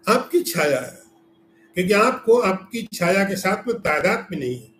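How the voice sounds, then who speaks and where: A man's voice: sits high, very animated, normal speed, fairly bright tone, roomy sound, slight background noise. A man giving a scriptural lecture as a spiritual teacher, explaining with everyday examples and asking rhetorical questions.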